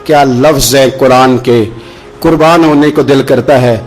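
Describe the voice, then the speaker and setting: A man's voice: medium pitch, fairly even intonation, a little mellow. A male preacher delivering an emphatic, rhetorical sermon, moving between storytelling and melodic scriptural recitation.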